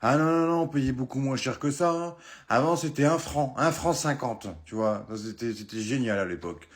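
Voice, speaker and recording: A man's voice: medium pitch, moderate pace, natural voice. A man voicing a grumbling elderly pensioner who mutters and stumbles over his words. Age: older.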